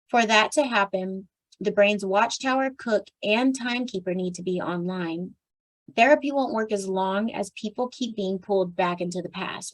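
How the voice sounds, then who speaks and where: A weary woman, her mid-range voice strained from talking a lot, reads a nonfiction book aloud to a book club. She sometimes clears her throat and goes back over a phrase she tripped on, and the recording is rough.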